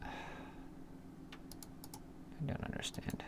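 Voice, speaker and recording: A programmer live-streams himself coding, thinking aloud in a casual way and drawing out his words. He mutters to himself, with murmured asides broken by sighs and hums. The room is noisy, with keyboard typing and clicking in the background.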